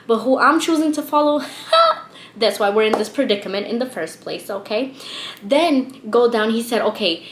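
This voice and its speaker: A young woman giving a casual, chatty Bible study talk, laughing often and dropping in amens and easy slang. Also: a little high. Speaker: Bible vlogger. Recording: roomy echo.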